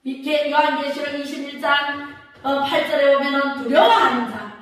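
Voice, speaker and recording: Echoey high-voiced woman pastor preaching. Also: monotone, moderate pace, a bit bright. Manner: preaching with dramatic quoted voices and questions to the congregation. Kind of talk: sermon. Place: church sanctuary. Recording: echoey church hall from far off.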